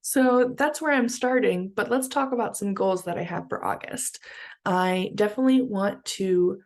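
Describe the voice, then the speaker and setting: A woman's voice: mid-range voice, moderate pace, a little mellow. A woman vlogger in upbeat, chatty talk to camera, with many fillers. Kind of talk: casual vlog chat.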